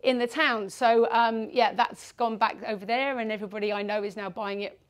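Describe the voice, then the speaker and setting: Picked up by a distant camera, this English woman in her forties talks a little fast in a fairly high voice with fairly even intonation. She has a West Country accent and pokes fun at herself while presenting to a meeting-room audience.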